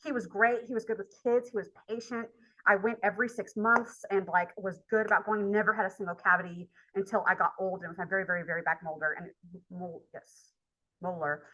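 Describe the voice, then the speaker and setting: A woman's voice: mid-range voice, fairly even intonation, brisk, fairly bright tone, poor audio. A woman college instructor, telling a rambling personal story in a casual lecture, with lots of filler words. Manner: chatty, rambling, heavy use of filler words.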